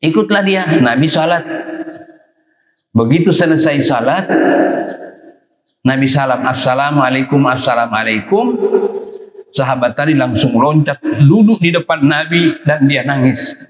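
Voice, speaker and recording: A man of middle pitch gives a dawn sermon in a mosque, pressing his points by repeating short phrases. His voice rings through a large, echoey hall with a long reverb tail. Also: a little slow, long pauses. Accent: Indonesian. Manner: emphatic, repeats phrases, acts out quoted voices. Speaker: preacher.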